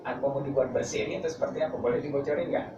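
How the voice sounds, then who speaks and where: A man's voice: mid-range voice, steady tone, rapid-fire, muffled recording. A man interviewing students and a teacher in a casual, chatty way, often laughing and teasing. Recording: roomy distant mic with noise.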